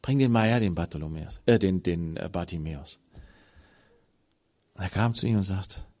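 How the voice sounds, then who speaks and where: A man preaching a sermon, dropping to hushed tones and rising to loud appeals, acting out biblical dialogue. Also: low-pitched, normal speed.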